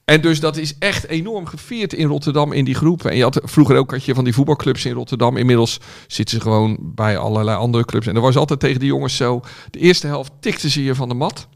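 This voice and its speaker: A man talking on a podcast panel in a gravelly, creaky voice. He spins out long stories, full of hesitations and filler sounds. His pitch sits in a middle range. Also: fast talker, hardly any pauses. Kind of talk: casual chat.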